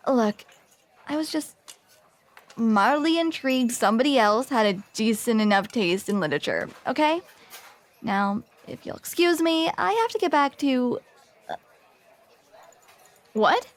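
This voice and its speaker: This woman's tsundere barista in an ASMR roleplay is grumpy yet secretly soft, sardonic, self-deprecating and awkwardly halting. Her voice is a little high, and the mood is flustered and teasing.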